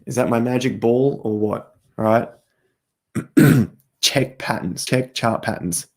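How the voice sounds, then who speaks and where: A man hosting a casual crypto livestream, talking straight to viewers as he walks through charts, his voice going hoarse with coughs. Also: mid-range voice, slow pace, darkish tone. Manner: chatty, talks straight to viewers while walking through charts. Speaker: crypto market host.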